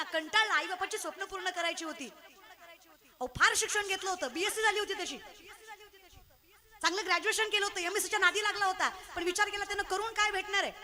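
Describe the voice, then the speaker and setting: A very high-pitched woman preaches a devotional kirtan sermon, animatedly telling stories and shifting between loud exhortation and soft pleading.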